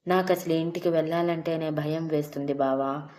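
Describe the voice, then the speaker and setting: A woman's voice: low voice, fairly even intonation, normal speed, warm tone, lightly acted. A woman doing an anxious, timid young woman. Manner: nervous.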